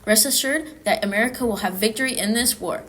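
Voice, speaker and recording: A woman playing a grave, formal 1940s wartime radio newsreader in a measured war-broadcast manner. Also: a little high, background noise, close to an everyday voice.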